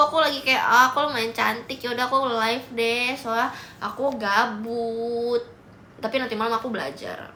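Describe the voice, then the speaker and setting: Young girl on a phone live stream, teasing and bubbly, a bit high, roomy echo. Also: pushed and bright. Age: young adult. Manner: playful, teasing, mixes in English. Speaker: livestream host. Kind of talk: casual live chat reading comments. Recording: echoey room with faint noise.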